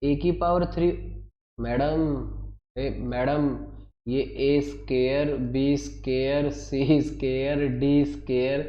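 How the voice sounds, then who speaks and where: A man's voice: mid-range voice, fairly even intonation, slow. Male teacher in an echoey room. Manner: explains step by step, quizzing students with repeated questions. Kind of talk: online class lecture. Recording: echoey room, dull lo-fi sound.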